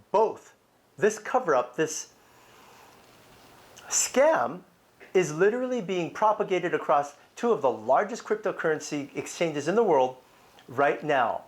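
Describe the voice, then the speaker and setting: A man hosting an urgent promotional crypto video, talking straight to the viewer in an insistent, repetitive way. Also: a little high.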